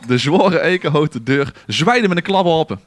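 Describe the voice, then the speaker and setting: With a lively intonation and a slightly high voice at normal speed, a Limburgish-accented Dutch man reads a scripted story theatrically for a podcast. There's a little hiss or hum, and the delivery is literary and dramatic.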